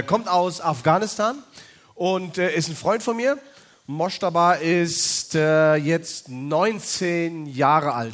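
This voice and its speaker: A man in his thirties telling a personal faith story to an evening audience, in a loose, chatty way full of fillers. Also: a little high.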